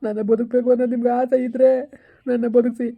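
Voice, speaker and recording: A man's voice: extremely high pitch, completely flat delivery, fast. A man playing a tearful, begging husband. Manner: pleading, tearful, repetitive. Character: desperate young husband begging to win back wife. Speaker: estranged husband in a village comedy skit. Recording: tinny phone-like sound.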